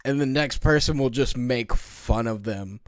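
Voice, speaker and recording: A young man co-hosting a casual podcast, talking in a relaxed, laid-back way. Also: medium pitch, measured pace, smooth, dry recording, clean studio sound. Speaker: podcast co-host. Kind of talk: casual chat.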